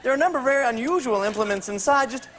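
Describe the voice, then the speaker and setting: A man's voice: extremely high pitch, expressive, very fast, a bit bright. A man performing comedic stage patter as a comic magician. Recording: noisy old TV stage tape, audience. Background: live audience.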